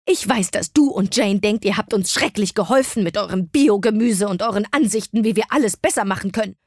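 A woman's voice: mid-range voice, a little fast, dry recording, clean studio sound, lightly acted. A woman voicing a frantic middle-aged mother who shrieks with indignation in an audiobook. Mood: indignant.

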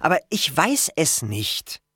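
A blunt, impatient teenage boy who wants answers, his voice a touch higher than the narration and lively in its melody, as an audiobook reader plays him. The sound is dry and close. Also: takes it slowly, slightly rough, no room sound, heavily acted.

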